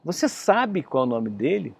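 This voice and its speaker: A man voicing a calm, trusting little boy of four or five, speaking gently and cheerfully in a spoken story. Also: fairly high pitch, normal speed, creaky, slightly rough, heavily acted.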